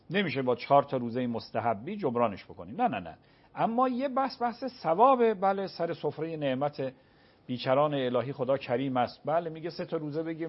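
A man, a religious expert, answering callers' questions on a call-in radio show. He talks emphatically and is quick to repeat firm denials. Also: medium pitch. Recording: dull lo-fi radio broadcast.

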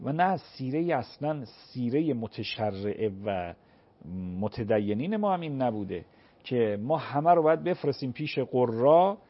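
Heard in lo-fi sound, an expressive man with a mid-range voice takes viewers' religious questions on a call-in show. He explains patiently and acts out prayer recitations slowly.

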